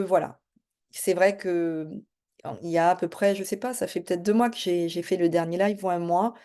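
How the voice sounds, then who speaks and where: A middle-aged spiritual and business coach from French Guiana introduces herself casually to camera. She talks fast in a mellow, low voice, hesitant and full of fillers.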